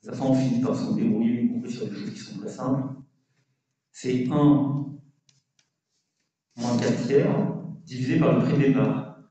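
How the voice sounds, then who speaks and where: A university lecturer with a warm, medium-pitched voice and fairly even intonation speaks through a face mask at a measured pace, pausing often. He works through statistics calculations step by step for students, correcting himself and checking in with questions. The audio is muffled and very echoey, captured by a distant mic in the lecture room.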